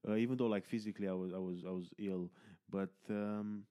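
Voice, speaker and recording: Man, podcast host, low voice, mellow tone, rambling, halting, candid. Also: fairly even intonation, smooth. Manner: rambling, halting, many fillers and restarts; candid, swears casually. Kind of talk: casual conversation.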